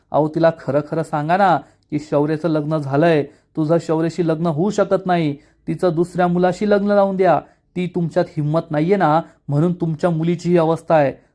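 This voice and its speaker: An angry, defiant young man who hurls accusations and raises his voice, read out by a man. The voice sits fairly high with a soft, mellow tone. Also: close to an everyday voice. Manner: shouting, accusing.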